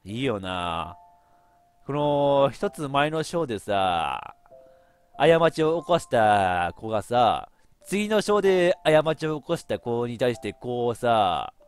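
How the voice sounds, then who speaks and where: A man's voice: mid-range voice, smooth. Chatty man with a regional lilt. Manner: chatty, laughs at himself. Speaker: VTuber let's-play streamer. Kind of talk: casual game commentary.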